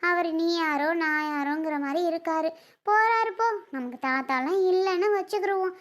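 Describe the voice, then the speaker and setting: A woman playing an older mother-in-law and grandmother who talks slowly and coaxingly. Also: very high-pitched. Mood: tender. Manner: slow, soft, coaxing talk. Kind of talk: family skit acting.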